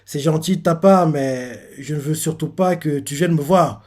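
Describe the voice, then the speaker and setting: A man voicing a gentle dying young woman with a soft, affectionate reading. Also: on the high side, normal speed, close to an everyday voice. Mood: tender.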